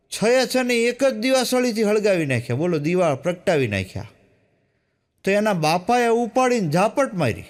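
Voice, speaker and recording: High-voiced man telling folksy jokes. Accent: Gujarati, Saurashtra dialect. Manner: storytelling, quoting characters in dialogue. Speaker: stand-up comedian. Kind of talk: Gujarati joke telling.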